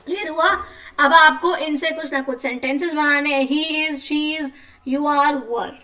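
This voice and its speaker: A woman's voice: sits high, steady tone, unhurried, bright, forceful tone, distant mic. A woman with an Indian accent teaching children a lesson, patient and often checking in with questions.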